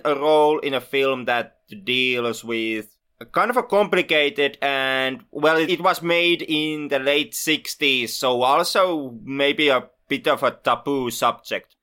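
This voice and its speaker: A man with a bright, crisp, clear voice co-hosts a movie podcast. He talks in measured, considered sentences and slips in dry jokes. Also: mid-range voice. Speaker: podcast co-host. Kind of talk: casual film podcast chat.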